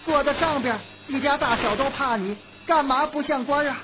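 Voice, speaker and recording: A woman storyteller voicing a chatty nun telling a lively joke. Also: sits high, moderate pace, voice pushed up, close to an everyday voice. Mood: joking. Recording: dull lo-fi recording with music.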